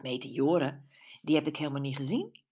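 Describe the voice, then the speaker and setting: A woman voicing a lively, affectionate woman in her forties in an audiobook. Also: a bass voice, fairly quick, husky. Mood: urgent. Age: 40s. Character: lively woman near fifty, a warm best friend.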